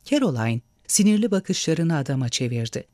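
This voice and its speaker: A man reading a novel aloud in a measured, expressive narration. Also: a little high, no echo, studio quality. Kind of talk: storybook narration.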